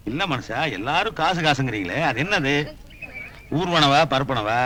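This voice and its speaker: A man's voice: mid-range voice, animated, moderate pace, pushed and bright, slight background noise. An actor playing a god visiting earth as a man, who asks innocent, wondering questions in a Tamil film comedy. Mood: curious.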